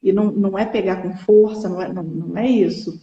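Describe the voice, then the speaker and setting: A woman's voice: medium pitch, fairly even intonation, fast, crowd noise. A woman hosting a casual live chat, talking earnestly with many fillers and restarts. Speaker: host. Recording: dull lo-fi echoey room.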